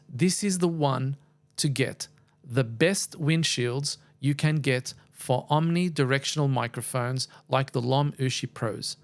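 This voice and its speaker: A man narrating a scripted product review as the reviewer, with a wry, playfully exaggerated way of talking. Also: medium pitch.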